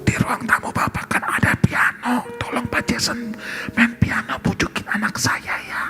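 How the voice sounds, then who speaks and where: A man voicing a worried mother who whispers a quiet request. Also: very high-pitched, level tone, normal speed, faint music behind, pitched above the performer's own voice, full character voice. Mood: hushed. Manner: whispered, hushed. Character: anxious mother whispering secretly.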